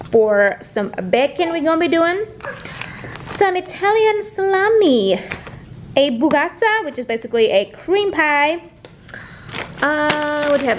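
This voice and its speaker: Chatty high-voiced woman. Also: slight background noise. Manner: chatty, lots of fillers and "like". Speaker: vlogger. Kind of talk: casual grocery haul chat. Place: home kitchen, indoors.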